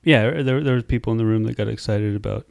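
A man hosting a casual podcast, rambling and halting with many fillers. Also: fairly low pitch, gravelly, darkish tone, no room sound, studio quality. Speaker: podcast host.

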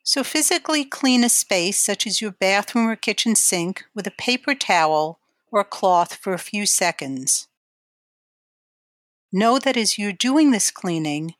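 A woman giving guided imagery exercises in a calm, measured, instructional way. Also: mid-range voice, no room sound, clean studio sound.

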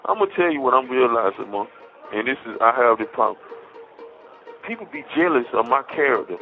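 An incarcerated man speaks fairly fast in an expressive, medium-pitched voice, his rambling phone talk carried over a tinny prison payphone line with music in the background. Preachy and full of scripture, he grows heated and starts accusing.

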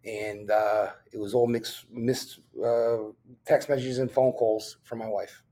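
A man's voice: mid-range voice, flat delivery, slow pace, dark tone. A police officer from New Jersey, a man, talking as a podcast guest and telling his own story candidly, bluntly, swearing often and filling with "um". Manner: blunt and profane, with frequent fillers.

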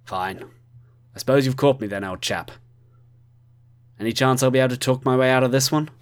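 A man's voice: mid-range voice, fairly quick, clear, resonant tone, pitched above the performer's own voice, close to an everyday voice. A man voicing a cocky young male spy who speaks in polite, genteel phrases. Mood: wry, polite.

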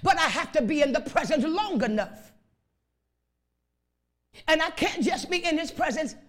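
A woman's voice: high voice, lively intonation, normal speed. Woman preacher from Chicago, fervent sermon, exclamatory storyteller.

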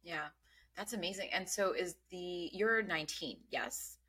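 This podcast host, a woman from Bangladesh and not an English speaker, conducts a casual interview with curious, warm questions peppered with ums, restarts and fillers. Her lowish voice has a breathy edge and a measured pace.

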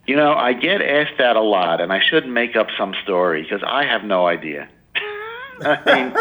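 Rambling biographer man, bright low voice. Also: poor audio. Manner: rambling, full of "you know" and restarts, does playful voices in anecdotes. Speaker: biographer, interview guest. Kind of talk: casual interview talk.

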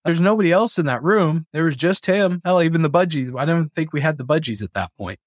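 A man tells stories about his parrot in a casual conversation with friends. He gets animated and voices the lines he quotes. The sound is dry and close, with no room echo. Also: on the high side, a little fast. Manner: animated storyteller, acts out quotes. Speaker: parrot owner. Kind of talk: casual group chat.

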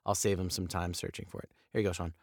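A man's voice: low voice, flat delivery, fast, dry recording, clean studio sound. A man recording an audio drama, flubbing lines, joking and ad-libbing between takes. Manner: joking, breaks into laughter, ad-libs. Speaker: voice actor.

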